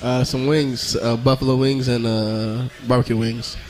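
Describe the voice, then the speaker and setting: A man's voice: mid-range voice, flat delivery, a little slow, a little mellow, slight background noise, rough recording. A young man, a college football player, answering radio interview questions in a laid-back, brief way. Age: young adult. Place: restaurant.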